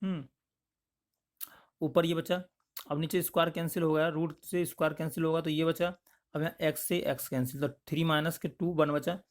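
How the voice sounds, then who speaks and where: A man with a slightly high voice teaching maths as a voice-over. He goes step by step, talking through each part and often stopping to check in with "okay". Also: fairly even intonation, moderate pace. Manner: explains in plain spoken steps, with frequent checks like "okay". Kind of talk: step-by-step lesson explanation.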